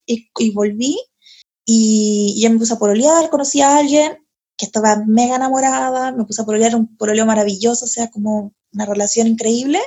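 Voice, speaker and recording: Young adult woman, Chilean Spanish accent, slightly high voice, casual and profane storytelling host. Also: fairly quick, husky. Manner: animated, slangy and profane, laughing often. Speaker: podcast host.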